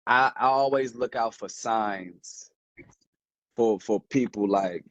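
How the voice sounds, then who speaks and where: A man's voice: lowish voice, slow, fairly bright tone, no echo, dull audio. A young man, telling a heartfelt personal story in a rambling, casual way full of fillers. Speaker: podcast co-host. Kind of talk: casual conversation.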